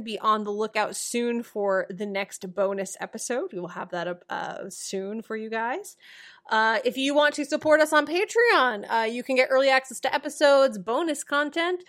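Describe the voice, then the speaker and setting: A woman's voice: fairly high pitch, a bit bright. A woman co-hosting a podcast, chatting casually and reading sponsor thanks with lots of fillers. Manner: chatty, reads plugs with many fillers. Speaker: podcast co-host.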